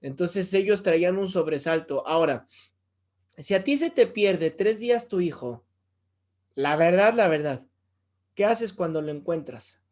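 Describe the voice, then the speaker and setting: A man with a Mexican accent, a pastor teaching a Bible lesson with lively stories and rhetorical questions to the audience. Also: high voice, normal speed. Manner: jokes and chuckles while telling stories.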